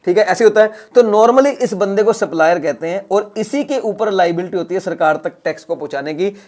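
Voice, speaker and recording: A man teaching a class, lecturing in a lively way, repeating words and acting out small scenes to explain. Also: high voice, brisk. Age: adult, has a son. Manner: animated, repeats words, acts out little scenes.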